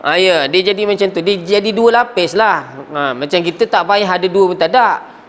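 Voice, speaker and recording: A Malaysian man teaching a class with a high, light voice and a Malaysian Malay accent. He keeps putting questions to his students and sometimes trails off mid-word. Faint hiss sits under the classroom recording. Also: moderate pace, a bit bright. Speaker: Arabic grammar teacher. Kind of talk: classroom lesson.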